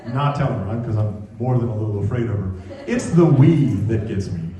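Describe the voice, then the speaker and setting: An older man doing a stand-up comedy set, telling wry stories with pauses before the punchlines, on a club stage with the audience laughing. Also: on the low side, expressive, warm tone. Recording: echoey club room from a distance.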